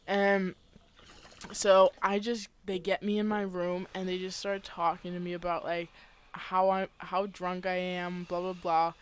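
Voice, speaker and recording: A woman's voice: fairly low pitch, level tone, measured pace, clear, resonant tone. A young adult woman, a podcast guest, telling a story in casual chat, laughing and swearing casually.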